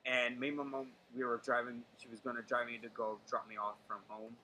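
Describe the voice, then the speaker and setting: A man's voice: medium pitch, flat delivery, a little fast, sharp tone, a little hiss or hum, poor audio. A young man telling a ghost story to friends on a stream call, hesitant and dramatic, with many fillers and restarts. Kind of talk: casual storytelling on a livestream call.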